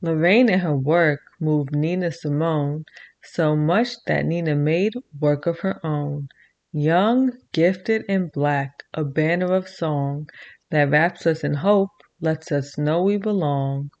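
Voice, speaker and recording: A woman with a low voice, recorded with the highs cut off, hosts a children's video. She reads a rhyming picture book in a slow, rhythmic way and leads kids in games, using a bright, sing-song teacher voice.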